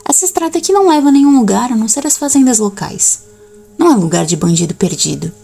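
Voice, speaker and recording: A woman's voice: fairly high pitch, animated, fast, vocal fry, mellow, faint music behind, voice pushed up. Woman reading a chatty old Gaúcho innkeeper. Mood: insistent. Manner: friendly, chatty. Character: cheerful older male country innkeeper.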